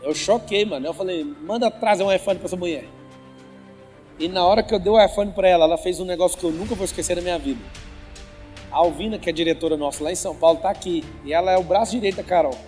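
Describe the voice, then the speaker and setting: A man with a high-pitched voice delivers a motivational talk with religious teaching to a live audience. He keeps teasing and quizzing the crowd. The sound carries a long hall reverb with faint music under it. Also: rapid-fire, darkish tone. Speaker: motivational speaker. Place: large event venue with live audience.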